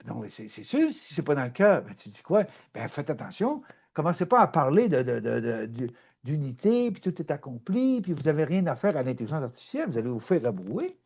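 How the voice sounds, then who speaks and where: A middle-aged man with a Québécois French accent giving a spontaneous spiritual talk, animated and emphatic, often repeating himself. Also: fairly high pitch, a little fast, gravelly, husky, highs cut off. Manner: animated, repetitive, swings between loud emphatic and soft. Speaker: spiritual speaker.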